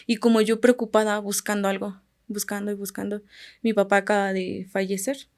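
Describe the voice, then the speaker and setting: A woman from Guerrero with a Mexican Spanish accent, a podcast guest telling a personal story in a calm, casual way that often fades quietly at the end of phrases. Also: mid-range voice, fairly quick.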